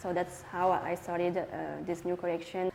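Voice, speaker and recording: A young woman with a French accent talks through her answers in a low, mellow voice. She often stops, restarts and reaches for words. The tone stays relaxed and unforced. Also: moderate pace, poor audio. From France. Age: young adult. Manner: hesitant, many fillers and restarts. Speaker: fashion designer. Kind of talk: interview answers.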